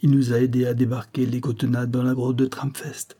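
Male reader playing an anxious young woman in a storybook, earnest and urgent, husky tone. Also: mid-range voice, level tone, a little fast, mellow, pitched above the performer's own voice, close to an everyday voice. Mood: earnest pleading. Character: anxious young woman pleading for her fiancé.

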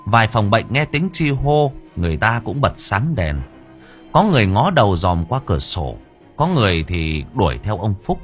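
Man, audiobook narrator, dramatic storytelling, low voice, lively pitch. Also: moderate pace, faint music behind. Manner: expressive, shifting tempo.

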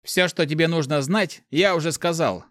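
A man's voice: fairly high pitch, moderate pace, fairly bright tone, dry recording, clean studio sound, voice pushed up, lightly acted. A man voicing a cold, irritable disembodied male spirit that speaks inside a young man's head, curt and scornful. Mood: cold, irritated.

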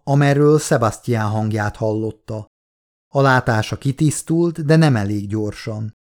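A man reading an action novel aloud in a steady, measured storytelling voice. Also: mid-range voice. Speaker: audiobook narrator. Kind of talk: scripted narration.

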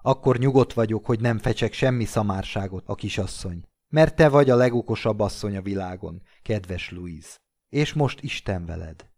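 A man playing a teasing old gentleman. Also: lowish voice, natural voice. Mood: bantering. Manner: wry, teasing. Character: elderly gentleman with cane, teasing.

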